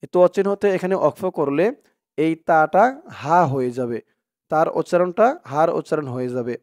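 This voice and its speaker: A man teaching Quran reading, spelling out letters and vowel marks one by one, then chanting the Arabic words in a drawn-out, louder voice. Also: fairly high pitch, no echo, clean studio sound. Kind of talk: slow spelling-out recitation lesson.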